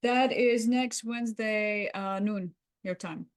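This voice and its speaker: A podcast co-host with a mid-range voice speaks slowly, encouraging and affirming her partner. The talk is a roleplay followed by a conversational debrief.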